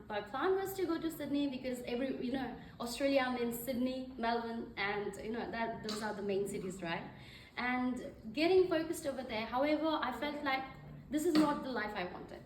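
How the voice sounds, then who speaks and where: A woman's voice: fairly high pitch, moderate pace, background noise. A young woman from Nepal giving a conversational speech at an event, full of fillers. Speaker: guest speaker. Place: event hall. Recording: echoey hall from far off.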